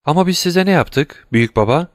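A man's voice: fairly high pitch, lively intonation, a little fast, no room sound, clean studio sound, voice pushed up, lightly acted. A man voicing a tearful, devoted young granddaughter in an audiobook, earnest and pleading. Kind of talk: audiobook reading.

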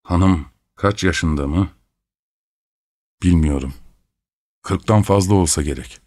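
Grumpy old servant guy, narrator doing him, low husky voice, short dry answers. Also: takes it slowly, no room sound. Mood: curt, grudging. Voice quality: soft, husky voice. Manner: curt, evasive answers. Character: grumpy old male servant guarding a door.

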